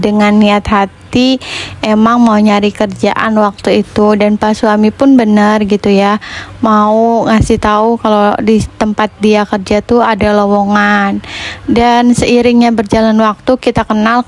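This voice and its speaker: Chatty young woman, slightly high voice. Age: late 20s. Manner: chatty, conversational, with frequent fillers. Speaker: vlogger and housewife. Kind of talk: casual storytelling voice-over.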